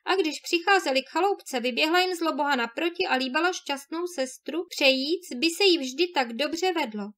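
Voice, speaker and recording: A woman narrating a classic fairy tale in a clear, measured reading. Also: high-pitched, fairly bright tone.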